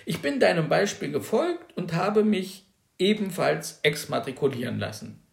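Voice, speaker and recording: A man voicing a calm young woman, an art student and mother, who answers briefly and matter-of-factly. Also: sits high, moderate pace, creaky, roomy sound, heavily acted.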